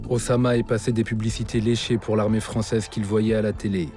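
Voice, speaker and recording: A man narrates a documentary from a script in a fairly low voice. Music plays clearly behind him. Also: flat delivery, brisk. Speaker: reporter narrating.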